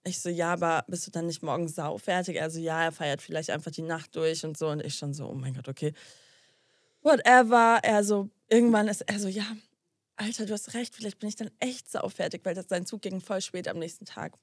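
A young woman with a somewhat low voice tells a story in a casual podcast chat. She plays out both sides of the conversation with sass and tosses in English slang. The sound is dry and close, with no room echo. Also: a little fast. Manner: animated, acts out both sides of a dialogue, drops English slang.

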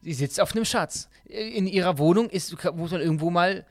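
A man's voice: sits high, normal speed, dry recording, soft background music. A man co-hosting a podcast, talking casually and bickering, with many fillers and restarts. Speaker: podcast co-host.

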